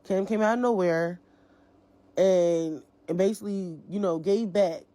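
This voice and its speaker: A woman's voice: fairly low pitch, a little slow, warm tone, no room sound. A woman giving a casual, rambling review of a series episode, full of fillers, repeated phrases and slang. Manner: slangy and emphatic.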